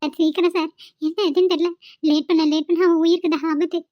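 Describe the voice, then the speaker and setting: A woman's voice: very high voice, little pitch movement, fast talker, dry recording. A woman voicing an anxious young female carer who speaks urgently in a cartoon. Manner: urgent and pleading. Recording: dull, dry home recording.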